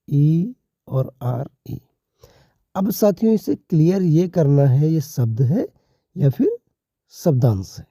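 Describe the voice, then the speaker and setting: A male teacher explains step by step at a very slow, measured pace. His voice is dark and mellow, slightly higher than most men's, and sits dry and close in a dull, lo-fi recording. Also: no echo. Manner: deliberate, addresses viewers as "companions". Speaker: English teacher.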